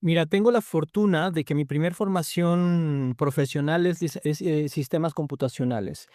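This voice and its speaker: Male guest, 50s, lively storyteller who voices his students, warm dark tone, dry close sound. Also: a little high, normal speed, dry recording. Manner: animated storytelling, acts out quoted students. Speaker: guest lecturer. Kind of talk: conversational interview.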